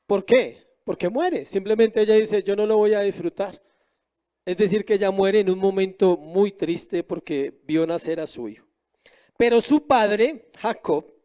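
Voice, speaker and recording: A man's voice: high-pitched, mellow. A middle-aged male pastor preaching a sermon, often asking the congregation questions.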